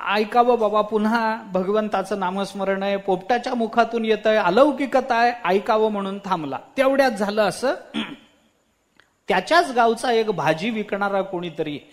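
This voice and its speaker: Male preacher, storytelling sermon, very high-pitched, animated, dramatic pauses.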